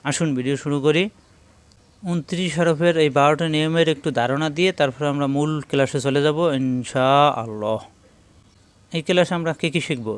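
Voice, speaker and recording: A man teaching a Quran reading lesson, counting through the rules and slowly repeating each letter sound. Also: on the high side, clear, resonant tone. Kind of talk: step-by-step recitation lesson.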